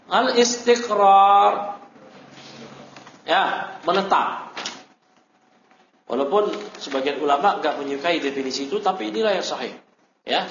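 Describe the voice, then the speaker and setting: A man's voice: sits high, a bit bright, a little hiss or hum. A man teaching a classroom lecture on Arabic grammar, explaining step by step, repeating terms and quizzing his students. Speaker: Islamic teacher. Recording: roomy, dull lo-fi recording.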